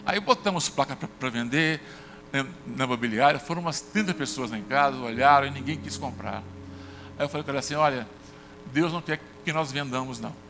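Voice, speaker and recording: A Brazilian man preaching a sermon as pastor, telling personal stories and acting out the dialogue with lively shifts of voice. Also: a little fast, in a large hall. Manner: conversational storytelling, acts out dialogue with shifts in pitch. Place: church sanctuary.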